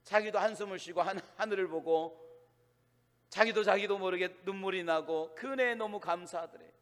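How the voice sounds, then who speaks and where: Korean pastor guy w/ chungcheong accent preaching, high voice, emphatic, long church echo. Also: a little fast, fairly bright tone. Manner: storytelling with emphatic rising declarations. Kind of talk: sermon. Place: church sanctuary. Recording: long church hall reverb.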